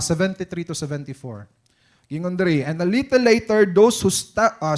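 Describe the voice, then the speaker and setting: Animated high-voiced Cebuano preacher. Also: male voice. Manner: mixes English and Cebuano, frequent tag "no?"; animated preaching with rising emphasis. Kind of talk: sermon.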